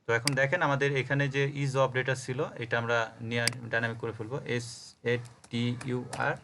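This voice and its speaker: A man's voice: medium pitch, flat delivery, a little fast, noisy background. Bangladeshi man teaching code step by step. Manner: explains step by step, spells words letter by letter, checks understanding often. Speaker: programming teacher. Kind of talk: live coding lesson on a call.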